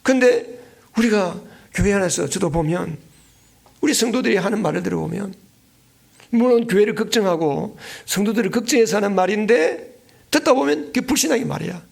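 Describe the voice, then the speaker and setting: A man preaching from the pulpit in a high, gravelly voice. He presses his points by repeating phrases and keeps throwing questions to his congregation. Earnest and direct throughout. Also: lively intonation, fairly quick. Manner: keeps asking the congregation questions and prompting replies. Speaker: pastor. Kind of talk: sermon.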